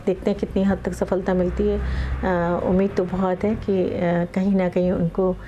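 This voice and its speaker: Measured woman advocate, flat mellow voice. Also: fairly low pitch, dull audio, slight background noise. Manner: measured, many filler pauses, mixes English legal terms into Hindi. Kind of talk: explaining in conversational interview.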